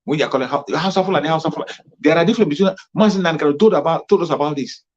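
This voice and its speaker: Husky, fervent man. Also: on the high side, rapid-fire. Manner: fervent, repetitive, rallying tone. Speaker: political commentator. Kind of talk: impassioned political monologue. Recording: muffled lo-fi recording.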